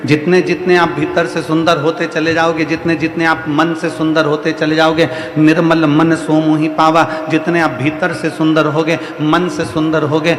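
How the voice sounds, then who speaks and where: A man with a central Indian Hindi accent delivering a devotional sermon, building each point through rhythmic repeated refrains. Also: fairly high pitch. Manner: repetitive, rhythmic preaching with rising refrains. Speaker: kathavachak preacher. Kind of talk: devotional sermon to a large crowd. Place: large outdoor or hall religious gathering. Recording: echoey hall, long reverb, faint music.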